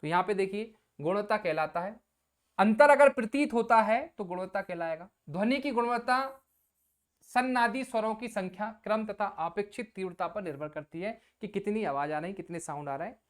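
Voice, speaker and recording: A woman's voice: mid-range voice, animated, normal speed. A woman teacher giving an exam coaching lecture, casually explaining with everyday examples and asking the class questions she answers herself.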